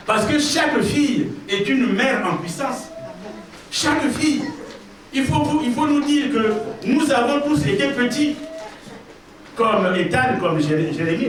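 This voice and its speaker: A male pastor preaches in a high, animated voice that swings widely. He presses his points by repeating phrases and calls out to the congregation. The sound is heavily echoey, picked up from far off in a church with a faint hiss. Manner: emphatic, repeats key phrases, addresses congregation directly. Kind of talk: sermon. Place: church hall.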